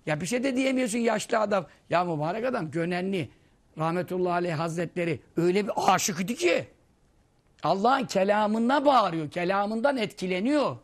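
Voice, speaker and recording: A man with a high, gravelly voice gives a relaxed religious lesson in speech. He tells stories and mimics the people he quotes, jumping in pitch and loudness as he goes. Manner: storytelling, acting out quoted voices, lively swings in pitch and loudness. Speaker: Islamic preacher teaching hadith. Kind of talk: conversational religious lesson with anecdotes.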